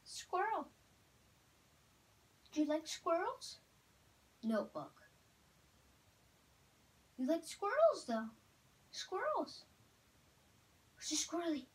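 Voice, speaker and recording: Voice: extremely high pitch, sing-song, takes it slowly, long pauses. A child or young teen talking to a dog in sing-song pet talk, coaxing with repeated words and short questions. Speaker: vlogger. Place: small carpeted bedroom, indoors.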